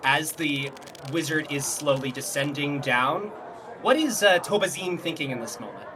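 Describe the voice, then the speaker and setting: A game master narrating a tabletop game, describing scenes in an unhurried way over faint music. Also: medium pitch, expressive, noisy background.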